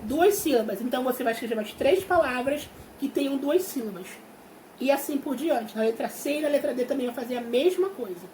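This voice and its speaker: A woman primary school teacher with a Brazilian Portuguese accent, explaining a worksheet patiently and drawing out words slowly to show their syllables. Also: sits high, a little mellow. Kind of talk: remote class explanation. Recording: echoey room with faint hiss.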